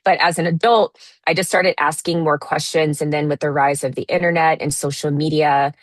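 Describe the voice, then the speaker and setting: A woman in her thirties with a low voice talks through her answers as an interview guest. She is reflective and often restarts her sentences with fillers. The sound is dry and close. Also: steady tone, moderate pace, no room sound. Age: 30s. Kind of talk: casual interview talk.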